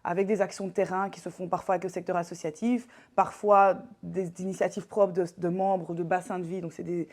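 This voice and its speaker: A woman in her thirties from Belgium, a politician answering interview questions in a measured, explanatory way with frequent hesitations. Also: fairly low pitch, flat delivery, a little mellow. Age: 30s. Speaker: politician guest.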